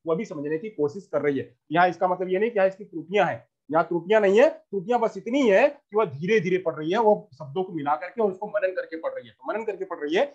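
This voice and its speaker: High-voiced man teaching step by step. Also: dull audio. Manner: repetitive, explains step by step with examples. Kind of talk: teacher-training lecture.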